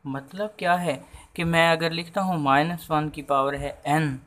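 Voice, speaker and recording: A man explains a math lesson at a deliberately unhurried pace, working through each step out loud. He keeps posing rhetorical questions to his listeners as he goes. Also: on the high side, steady tone. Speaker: math teacher.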